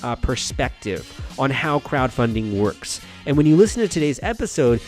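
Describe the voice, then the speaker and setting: Young guy from the us hosting his podcast, chatty, restarts a lot, some soft music behind. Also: a little high. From United States. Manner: friendly, chatty, with frequent restarts. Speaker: podcast host. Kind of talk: casual podcast monologue.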